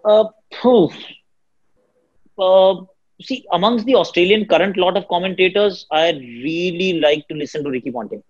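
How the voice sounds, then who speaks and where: In a muffled recording, a man from Delhi with an Indian accent responds to interview questions. He's a cricket commentator, Hindi is his native tongue, and his delivery is shrill, quick and energetic.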